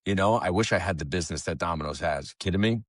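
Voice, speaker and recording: A man with a very low voice chats casually as a podcast guest. He is relaxed and conversational and swears now and then. The sound is dry and close. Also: fast talker, no echo. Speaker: guest, pizzeria owner.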